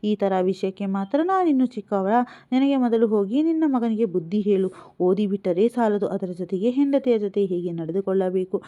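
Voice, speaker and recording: A woman's voice: medium pitch, animated, normal speed, lightly acted. A woman reading the lines of a cheeky, playful college-age daughter. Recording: phone-like narrow sound.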